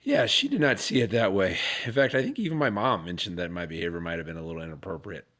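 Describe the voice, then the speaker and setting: Man, 30s, sick and congested, low voice, halting, rambling vlog storytelling. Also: lively intonation, fairly bright tone. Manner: rambling, self-deprecating, halting. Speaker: vlogger. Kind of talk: casual storytelling to camera.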